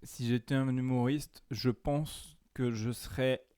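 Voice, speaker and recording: A young man co-hosting a podcast, answering in a deadpan tone with quick comebacks. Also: mid-range voice, smooth. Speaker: podcast co-host. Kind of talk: casual chat.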